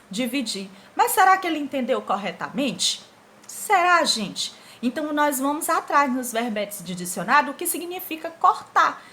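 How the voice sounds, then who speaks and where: A woman teacher giving an online lesson to schoolchildren, asking the pupils rhetorical questions as she explains. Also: high-pitched. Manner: animated, talks directly to pupils with rhetorical questions.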